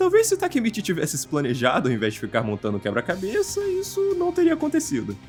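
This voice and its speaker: A man's voice: high voice, huge pitch swings, fast talker, loud music behind the voice. A Brazilian man as guest co-host, reading a scripted commentary recap with sarcastic jabs. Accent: Brazilian Portuguese. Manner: sarcastic, swooping delivery.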